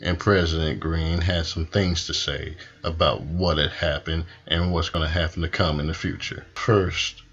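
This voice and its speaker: A man's voice: extremely low pitch, fairly even intonation, moderate pace, few pauses, a bit bright, lo-fi sound. A man playing a polite, slightly hesitant wrestling show announcer hosting a wrestling promo. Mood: businesslike.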